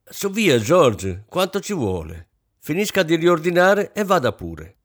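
A man reading an audiobook, voicing a fussy, social-climbing middle-aged wife who is shrill, bossy and fretful. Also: big pitch swings, normal speed, no echo, clean studio sound. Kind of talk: audiobook character voice.

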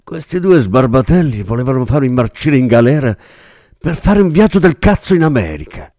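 A man playing a tough, street-raised man who speaks harshly and shouts in anger, in an audiobook reading. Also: mid-range voice, very animated, moderate pace, no room sound, studio quality, voice pushed up, lightly acted. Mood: furious.

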